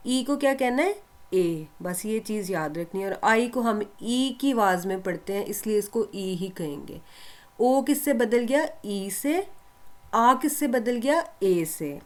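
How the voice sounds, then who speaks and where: A woman's voice: medium pitch, a little mellow. Woman teacher, patient voice-over lesson, drills by asking and answering her own questions, reassuring. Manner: asks questions and answers them herself, repeats to drill; reassuring, encouraging. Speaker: language teacher.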